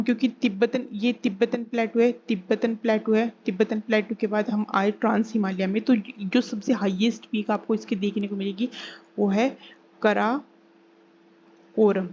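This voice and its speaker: A woman teaching an exam-prep geography lesson, repeating key terms slowly and asking and answering her own questions. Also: mid-range voice, a little mellow. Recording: slightly dull recording with faint hiss.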